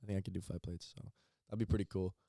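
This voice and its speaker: A teenage man co-hosting a podcast in casual chat, halting and repeating words as he thinks. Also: low-pitched, level tone, creaky, mellow, no echo, clean studio sound. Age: teens. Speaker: podcast co-host.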